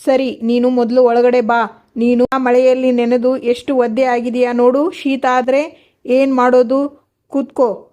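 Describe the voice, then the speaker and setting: A woman voicing a caring, motherly older woman who coaxes and soothes, in a high, flat voice. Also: measured pace, dull audio, natural voice. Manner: soothing, coaxing, repeats questions.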